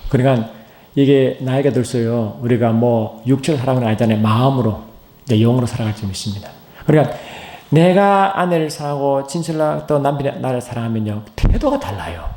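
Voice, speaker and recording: In an echoing church sanctuary, a middle-aged man preaches briskly as pastor. His delivery alternates between loud, high, rising calls and quiet, hushed asides, and he repeatedly asks the congregation questions.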